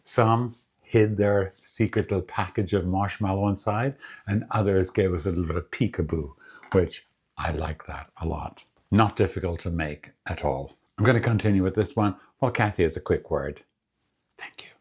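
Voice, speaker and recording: A man hosting a casual home cooking demonstration, chatting in a relaxed way and savoring the food aloud as he tastes it. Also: low voice, moderate pace, breathy edge.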